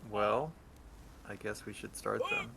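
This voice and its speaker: A man acting as game master in a casual tabletop session, laid-back and quick to laugh. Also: fairly low pitch, vocal fry, noisy background.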